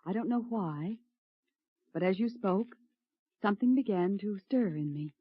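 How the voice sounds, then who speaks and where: An actress playing a female scientist who lectures crisply and pleads when upset, in a vintage radio drama. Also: mid-range voice, animated, measured pace, no room sound. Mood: pleading. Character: female scientist, clinical turned tender. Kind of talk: 1950s radio drama acting. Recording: dry, muffled vintage radio broadcast.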